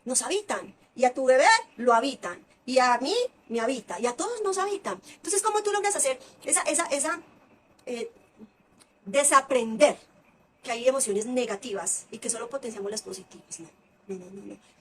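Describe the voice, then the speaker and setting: A middle-aged woman, teaching parents in a casual, lively and emphatic way, piling up short lists. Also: sits high, moderate pace, slightly rough. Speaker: early-childhood parenting educator.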